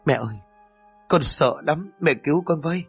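Brief: scared boyish young man, played by a man, pleading, pitched up, husky, story reading with faint music. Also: fast talker, no echo. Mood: terrified. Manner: pleading, higher-pitched, panicky.

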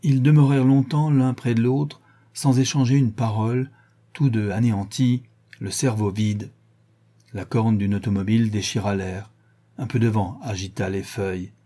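Audiobook narrator, man, mellow and dark-toned, steady reading. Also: on the low side, breathy edge.

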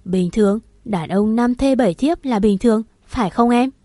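A woman's voice: on the high side, moderate pace, dark tone, dry recording, natural voice. A woman voicing a callous, unfaithful young husband who talks dismissively. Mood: smug. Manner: smug, dismissive.

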